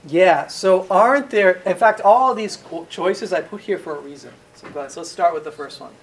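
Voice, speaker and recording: A high-pitched man teaches a pharmacology class fairly quickly, asking questions and then answering them himself. His voice is captured from far away in a lecture room that echoes, with a faint hiss.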